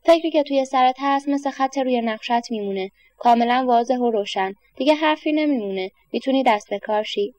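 A woman's voice: high voice, darkish tone, no echo, close to an everyday voice. A woman voicing a kindly grown man with a walking stick who questions a boy and then encourages him.

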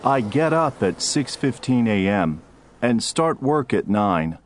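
A man reading a lively tour guide. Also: mid-range voice, natural voice. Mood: plain. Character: adult male tour guide interviewee. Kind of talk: scripted textbook dialogue.

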